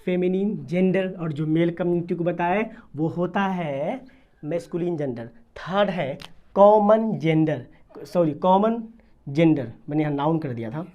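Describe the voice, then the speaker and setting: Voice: medium pitch, highs cut off. Patient teacher quizzing the class. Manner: asks the class questions and answers them, repeating key terms; reads English definitions slowly, word by word. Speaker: English grammar teacher. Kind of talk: classroom-style video lesson in Hindi mixed with English terms.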